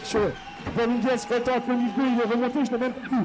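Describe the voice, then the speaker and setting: A man's voice: very high-pitched, flat delivery, fast, low-quality recording. A man announcing a live skate contest, teasing the riders and urging the crowd to cheer. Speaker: event announcer. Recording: live event audio with music behind.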